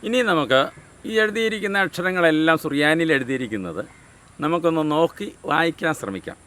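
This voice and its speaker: A man teaching a language class, saying letter names slowly and repeating them over and over. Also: a little high, animated, sharp tone. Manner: slow, drawn-out letter names recited over and over. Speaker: Syriac teacher. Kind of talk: language lesson.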